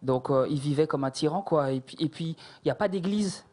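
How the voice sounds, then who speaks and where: Man, forties, from france, dark mellow voice, halting testimony, lots of fillers. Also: fairly high pitch. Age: 40s. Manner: measured, hesitant, many fillers. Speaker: guest giving testimony. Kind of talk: personal testimony.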